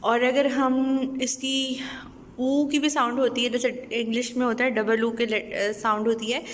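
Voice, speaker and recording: A woman's voice: fairly high pitch, flat delivery, a little slow, big-room sound, slight background noise. A woman teacher, patiently teaching young children, often asking the class questions and checking they follow.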